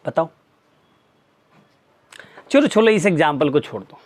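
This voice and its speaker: A man's voice: on the high side, very animated, a little slow. A man, a teacher, earnestly lecturing his students with pointed rhetorical questions. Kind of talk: motivational talk to students.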